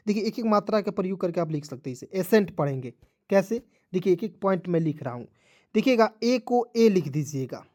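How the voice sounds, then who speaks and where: A man's voice: high-pitched, darkish tone. A man teaching English pronunciation in a video lesson, drilling each rule again and again and addressing viewers as friends.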